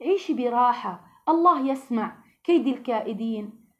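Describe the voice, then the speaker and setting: Woman, religious teacher, earnest, questions the listeners, high-pitched, muffled lo-fi recording. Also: animated, normal speed. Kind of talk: religious lesson to women.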